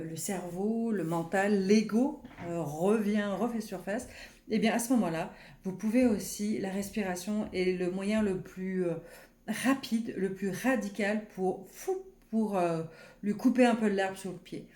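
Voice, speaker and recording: A woman speaking French as a personal development coach, guiding listeners gently with many pauses and fillers. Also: mid-range voice, roomy sound. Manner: soft, unhurried, guiding with many fillers and restarts; counts slowly through a breathing exercise. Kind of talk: gentle personal growth video talk.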